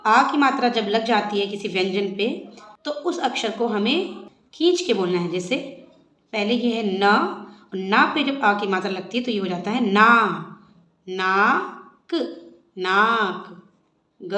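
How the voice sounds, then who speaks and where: A young woman teaching a slow classroom lesson, spelling words out syllable by syllable and then blending them. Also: fairly high pitch, fairly bright tone. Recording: echoey room.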